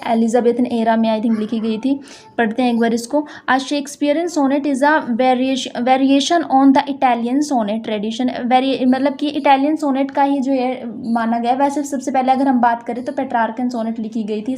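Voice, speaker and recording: Female literature teacher, high and soft-toned, slow read-alouds, frequent check-ins with the class. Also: fairly even intonation. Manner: reads English text slowly, then explains in Hindi with frequent "theek hai". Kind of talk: classroom lecture.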